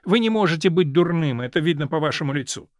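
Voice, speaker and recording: A man's voice: on the high side, lively intonation, quick pace, a little mellow, dry recording, studio quality, voice pushed up, lightly acted. A man reading aloud and voicing a chatty, meddling older society lady who plays matchmaker, in a fussy, teasing manner.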